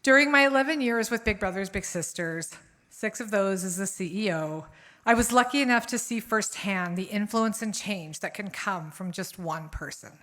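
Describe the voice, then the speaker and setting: A woman's voice: mid-range voice, moderate pace, fairly bright tone. A woman presenting an award in a speech to a gala audience in a banquet room, grateful.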